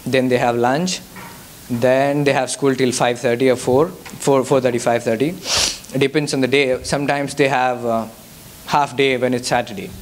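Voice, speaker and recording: A young man from India answers audience questions in Telugu-accented English, guest speaking at a church youth service; Telugu is his native language. His mid-range voice keeps a steady tone at a moderate pace, punctuated by frequent fillers and restarts, with slight background noise.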